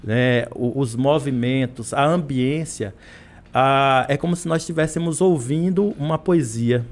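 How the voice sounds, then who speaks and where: A man's voice: mid-range voice, measured pace. A man from Brazil, a literature professor, talking as a guest in a podcast interview, full of restarts and repeated words.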